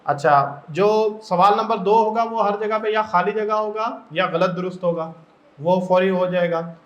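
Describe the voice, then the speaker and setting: A man's voice: high voice, a bit bright. A man from Pakistan training teachers in a workshop, explaining step by step and often putting questions to the room. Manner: explains step by step and keeps asking the audience questions. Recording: echoey room, dull lo-fi sound.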